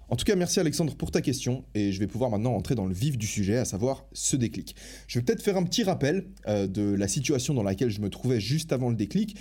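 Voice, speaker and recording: Young male podcast host, fast and excitable, mellow low tone. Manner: fast, enthusiastic, slangy and self-interrupting. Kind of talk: casual solo podcast talk.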